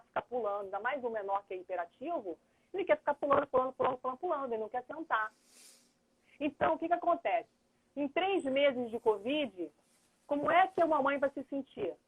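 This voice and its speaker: Middle-aged woman, earnest lawyer-mediator guest, husky, heard over a phone-like live stream. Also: on the high side, big pitch swings, brisk. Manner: earnest, thinks aloud, acts out dialogue. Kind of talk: explanatory live chat. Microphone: phone or computer on a video call. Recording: tinny phone-like livestream audio.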